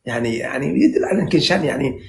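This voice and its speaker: Fast-talking Najdi man in his sixties. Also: medium pitch, creaky, a little hiss or hum. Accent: Najdi Saudi Arabic. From central Saudi Arabia. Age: 60s. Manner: rambling and flattering, full of "yaani" fillers and restarts. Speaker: dream interpreter on a live stream. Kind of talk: casual live chat. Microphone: phone on a live stream.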